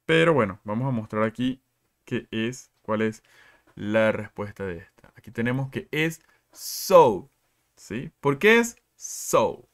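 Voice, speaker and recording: A man's voice: medium pitch, sing-song, slow pace. Man teaching in a live class. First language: Spanish. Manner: reads out students' answers and asks questions often. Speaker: English teacher.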